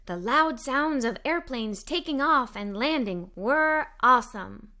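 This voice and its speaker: With a bright, forceful tone, a woman narrates a scripted children's story as a cheerful little girl, reading expressively aloud. Her voice sits high and is animated, her pace a little slow.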